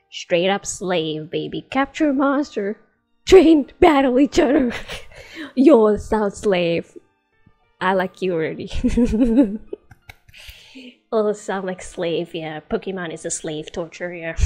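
A woman's voice: mid-range voice, warm tone. A woman chatting casually as she tests a voice assistant, giggling often between her questions. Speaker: streamer testing a voice assistant. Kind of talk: casual chat.

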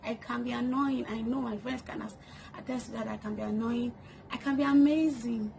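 A woman's voice: on the high side, steady tone, a little fast, gravelly, darkish tone, slight background noise, low-quality recording. A woman in her twenties talking playfully to the camera in a get-to-know-me vlog, laughing often, recorded in her bedroom. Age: 20s. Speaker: YouTuber. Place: bedroom, indoors. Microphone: camera on a tripod in front.

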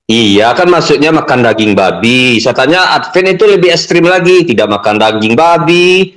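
A man in a religious debate, calmly questioning and often seeking agreement. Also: mid-range voice, moderate pace, poor audio. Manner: questioning, keeps saying "ya kan". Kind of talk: heated debate.

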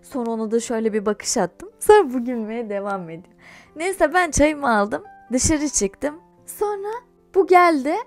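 Over soft background music, a young adult woman vlogs at a moderate pace in a voice that sits high. She chats animatedly through a personal anecdote, laughing as she shares it.

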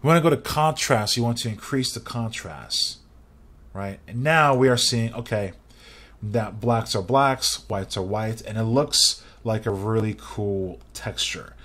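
Young male tutorial host, low-pitched, loose rambling delivery at a desk mic. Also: a little slow, fairly bright tone. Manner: rambling, restarts phrases, casual. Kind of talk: screen-recorded software tutorial.

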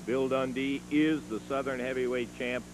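Dry, unimpressed TV wrestling interviewer. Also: male voice, medium pitch, steady tone, normal speed. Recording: hissy old TV broadcast.

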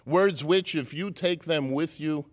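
Wry rabbi giving a commencement speech. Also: male voice, fairly high pitch, a little slow. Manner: wry, joking delivery. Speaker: commencement speaker. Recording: long hall reverb.

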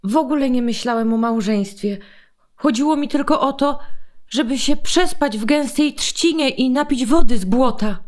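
Small outcast duckling, storybook audio drama, actress: very high, naive, sorrowful, timid. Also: female voice, normal speed, darkish tone, close to an everyday voice. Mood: sad, meek. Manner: plaintive, naive. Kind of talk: radio play of a fairy tale.

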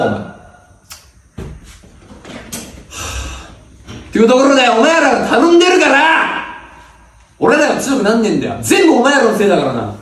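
A man's voice: very high voice, fairly bright tone, full character voice. A man playing a bossy, scolding senior athlete. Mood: berating. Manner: barking rough orders, berating. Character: bossy intimidating male high school senior athlete. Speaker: comedy sketch performer. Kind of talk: comedy sketch acting. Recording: echoey room, mic from a distance.

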